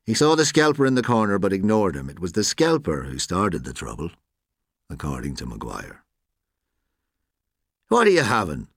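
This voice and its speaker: A man reading a story aloud as narrator, in a measured, expressive storytelling manner. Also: sits low, breathy edge, no room sound, clean studio sound.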